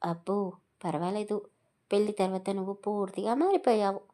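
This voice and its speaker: Woman doing a sweet old granny, over 60, fussing and caring, a bit louder, mellow voice. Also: medium pitch, moderate pace, natural voice. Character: affectionate old grandmother, fussing.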